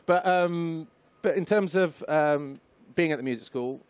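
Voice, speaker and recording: A man's voice: on the high side, measured pace, smooth, dry recording. A man presenting a studio interview show, asking long, winding questions in a chatty way.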